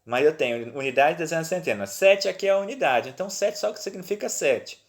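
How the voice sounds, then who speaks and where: A man's voice: fairly high pitch, lively intonation, a little fast. A male teacher with a Brazilian accent, explaining worksheet exercises to pupils in a patient, reassuring way and checking in often, recorded on a phone at home. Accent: Brazilian Portuguese. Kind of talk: remote lesson walking through worksheets.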